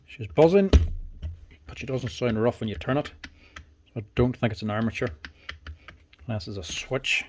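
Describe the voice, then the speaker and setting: A man giving casual workshop commentary as a tool repairer, thinking aloud in short, plain remarks. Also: medium pitch. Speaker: power tool repairer and video host. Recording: clear background noise, clicks and clatter.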